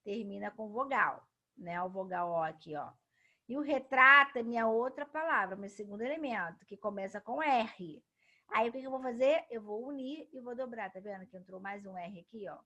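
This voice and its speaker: A woman's voice: a little high, normal speed, pushed and bright. A woman teacher explaining grammar rules, stressing key words and answering questions she poses herself. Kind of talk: grammar lesson.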